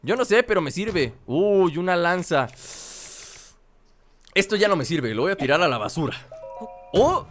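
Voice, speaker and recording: A man's voice: high voice, lively intonation, normal speed, pauses often, fairly bright tone. Joking man narrating gameplay. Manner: jokey, reads game lines in put-on voices. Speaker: gaming youtuber. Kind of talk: playful gameplay commentary, reading dialogue aloud. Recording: voice over faint game music.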